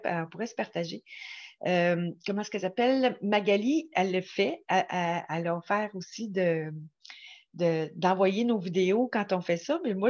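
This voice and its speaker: A woman with a Quebec French accent talking casually to her viewers about spirituality, excited and rambling with many restarts. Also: medium pitch, dull audio. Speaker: spiritual vlogger.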